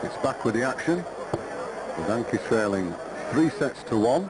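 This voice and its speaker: A man's voice: mid-range voice, expressive, unhurried. A man giving live television commentary on a darts match. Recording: noisy broadcast over loud crowd. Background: loud darts crowd.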